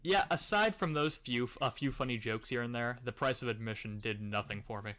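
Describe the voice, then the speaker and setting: Bright-voiced man leading a podcast chat. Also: mid-range voice, a little fast. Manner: chatty, leads the episode rundown. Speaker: podcast co-host.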